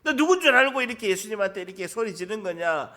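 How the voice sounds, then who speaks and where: Pastor putting on an irritated, scolding crowd member, shouty, high, lively. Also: male voice, fast. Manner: harsh, shouted rebuke.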